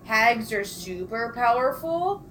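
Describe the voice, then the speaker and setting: A woman's voice: a little high, expressive, takes it slowly, a bit bright, a little hiss or hum, rough recording. Blunt, sarcastic woman playing a tabletop game. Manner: blunt, sarcastic, swears freely. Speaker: player. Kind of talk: casual tabletop role-play.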